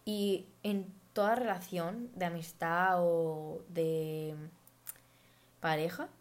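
A woman's voice: on the low side, fairly even intonation, takes it slowly. A woman, hosting a reflective personal monologue in an earnest, thoughtful, advice-giving way. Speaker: podcast host.

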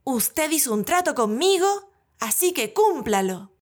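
A woman's voice: sits high, very animated, a little slow. Woman voicing a stern magical piper. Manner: firm, grave.

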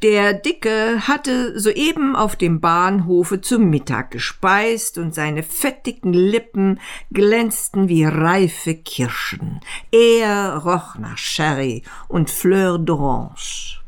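A woman reading a literary short story aloud in a measured, deliberate narration. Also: medium pitch, expressive. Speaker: reader.

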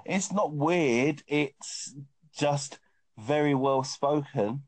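A man's voice: fairly high pitch, very slow, no echo. A man chatting casually with friends, teasing and joking. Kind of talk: casual chat.

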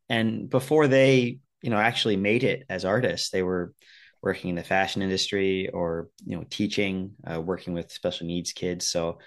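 Man, american accent, podcast host, lowish voice, teasing and chatty. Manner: joking, chatty, teases guests. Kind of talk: casual interview.

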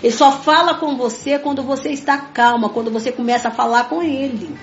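A woman with a high voice shares her faith in a conversational religious talk, speaking a little fast with earnest emphasis. She repeats herself and keeps calling her listeners "gente." The recording sounds dull and muffled, with reverb from the room and soft music playing beneath her.

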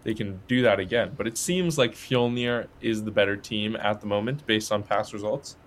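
A man's voice: fairly low pitch, normal speed. Eager man co-hosting, tripping over repeats. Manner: eager, repeats and restarts phrases, laughs often. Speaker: podcast co-host. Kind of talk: casual chat. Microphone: video call.

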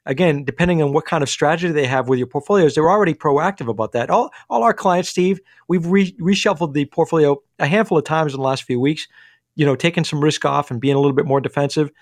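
A man's voice: on the high side, no room sound, clean studio sound. A man working as a financial advisor, talking through money and retirement on a call-in radio show, with lots of restarts and fillers. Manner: quick, energetic, many restarts and fillers.

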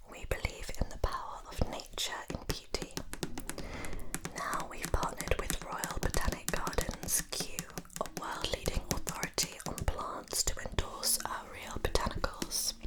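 A woman in a whispered role-play as a spa hair therapist, speaking in a soft, breathy, soothing whisper. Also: rough recording. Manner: gentle, soothing spa-attendant delivery.

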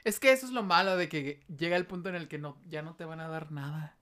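A woman's voice: low-pitched, quick pace, fairly bright tone. Teasing young Mexican woman co-host. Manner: teasing, crude jokes and playful interruptions. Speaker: podcast co-host. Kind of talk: casual chat.

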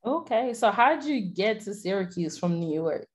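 A young woman of Haitian background hosting a casual podcast, chatty and informal, with animated reactions. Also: medium pitch, moderate pace. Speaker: podcast host. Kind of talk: casual chat.

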